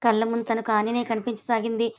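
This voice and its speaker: Brisk woman storyteller reading aloud. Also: a little high, monotone. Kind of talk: scripted story narration.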